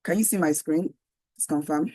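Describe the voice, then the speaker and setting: A woman giving an online training presentation over a video call. Her voice is going hoarse, and she talks conversationally, with many fillers and rhetorical questions. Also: deep voice, normal speed, mellow. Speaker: guest speaker.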